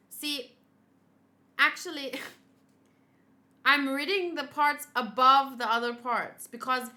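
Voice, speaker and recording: Unboxing plush gifts on her livestream, a gaming-channel streamer of thirty rambles casually, gushing and cutesy. Her voice sits high and sounds pushed and bright.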